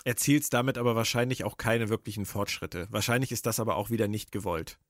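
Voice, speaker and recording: A man's voice: lowish voice, fast talker, no room sound, clean studio sound. A man hosting a casual discussion podcast, probing and putting questions to his co-hosts. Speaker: podcast host.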